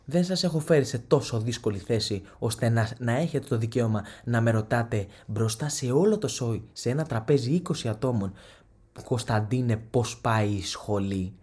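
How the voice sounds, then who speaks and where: A young man hosting a podcast, telling profane, animated comic stories and mimicking his relatives. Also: mid-range voice, hardly any pauses, slightly rough. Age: young adult. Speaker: podcast host. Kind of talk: comedic storytelling monologue.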